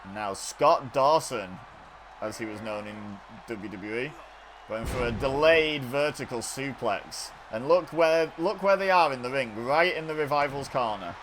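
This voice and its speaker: A man commentating over game footage with quick, chatty play-by-play. He gets excitable at big moments and corrects himself as he goes. His pitch sits in an ordinary middle range. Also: slight background noise. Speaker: gaming video host.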